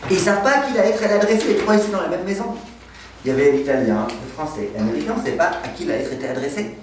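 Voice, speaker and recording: A man teaching a lively, humorous class as a rabbi, asking the students questions and answering them himself as he tells anecdotes. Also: fairly high pitch, a little hiss or hum. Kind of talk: lively Torah lesson with humor. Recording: echoey room, mic far off.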